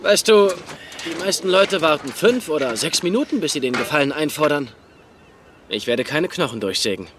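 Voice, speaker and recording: A man's voice: a little high, animated, moderate pace, background noise, close to an everyday voice. An actor playing a cheeky, defiant man in his thirties in a TV comedy-drama dub, flippant and argumentative. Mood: incredulous, flippant.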